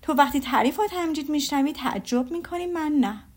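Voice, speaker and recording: A woman's voice: high-pitched, expressive, pitched above the performer's own voice. A woman doing a teasing, witty young woman.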